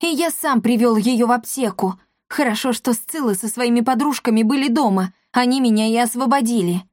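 Lady doing a flustered young guy, breathless and worked up, higher voice. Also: fairly quick, a little mellow, no echo, studio quality, natural voice. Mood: agitated.

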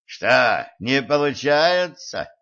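A man reading an audiobook and voicing a scornful, cool-headed rich man who speaks slowly and mockingly. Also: medium pitch, animated, a bit bright. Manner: mocking, unhurried, emphatic. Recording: muffled lo-fi recording.

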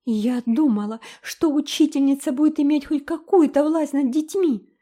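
A woman's voice: animated, brisk, dark tone. A woman voicing an overwrought middle-aged mother who pleads in a tremulous voice. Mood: tearful, reproachful. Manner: tremulous, high and imploring.

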